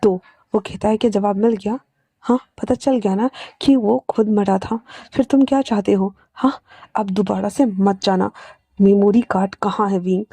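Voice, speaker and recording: A woman's voice: mid-range voice, steady tone, moderate pace, dark tone, husky, no echo. A woman telling a story in a casual, chatty way, with fillers and asides to the listener.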